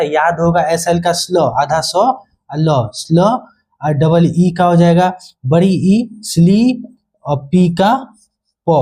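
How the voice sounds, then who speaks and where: A man's voice: high-pitched, dark tone, poor audio. Hindi-accented man teaching phonics to kids. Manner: call-and-response questioning, spelling letters aloud. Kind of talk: phonics lesson for children.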